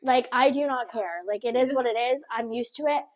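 Raspy, higher-pitched young woman telling stories. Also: brisk. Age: young adult. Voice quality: raspy, smoker-like gravelly voice. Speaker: podcast co-host telling a story. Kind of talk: casual conversational storytelling.

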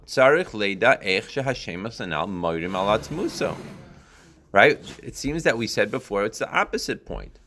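With a bright, forceful, medium-pitched voice, a man teaches Torah informally, going through the text line by line. He explains by repeating and rephrasing, and keeps checking in with short tag questions like "right?".

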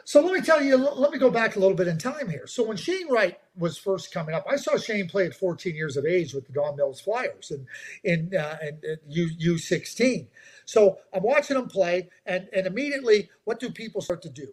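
Animated, high-voiced man talking hockey scouting. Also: a little fast. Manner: animated, emphatic, repeats words. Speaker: hockey draft analyst. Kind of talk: podcast chat.

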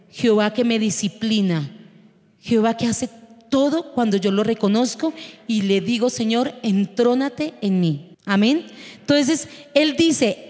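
A woman preaching a sermon in an emotional, pleading way, with dramatic swings in pitch. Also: a little mellow. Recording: reverberant hall.

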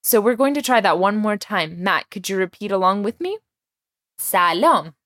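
A woman originally from Iran, whose first language is Persian, presents a scripted podcast language lesson with clear, cheerful delivery, pronouncing words slowly as models. Her medium pitch carries lively intonation and slight brightness, and the studio-quality recording is dry.

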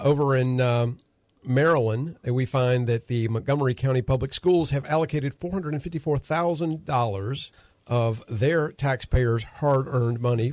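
A man's voice: mid-range voice, a little mellow, dry recording. A man hosting a talk radio show, folksy and sarcastic with lots of fillers. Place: radio studio. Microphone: studio microphone.

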